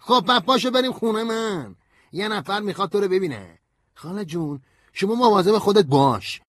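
A man playing a cheerful, crude, energetic young man in an audiobook, brash and slangy in his delivery. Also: high voice, no room sound, clean studio sound. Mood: teasing. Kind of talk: audiobook character reading.

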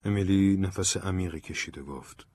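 Man, audiobook narration, deep voice, dry close recording. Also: mellow, no echo. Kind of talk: scripted narration.

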